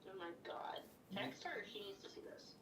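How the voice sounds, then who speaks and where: A woman calling in on speakerphone, chatting casually and gushing excitedly, with some casual swearing. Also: normal speed. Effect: heard over a phone on speakerphone. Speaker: streamer's cousin calling in. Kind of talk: casual chat. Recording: distant speakerphone audio with faint rumble.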